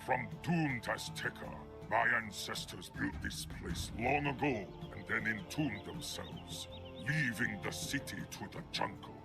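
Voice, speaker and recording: An actor playing a proud, solemn dinosaur warrior in a video game, stately and portentous, with a growling voice. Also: male voice, fairly low pitch, measured pace, over music. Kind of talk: video game character acting.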